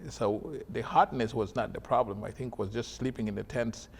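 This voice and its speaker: A man's voice: medium pitch, fairly even intonation, moderate pace, vocal fry. A man from South Sudan, a doctor, telling his story as an interview guest, hesitant with many fillers. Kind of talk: interview conversation.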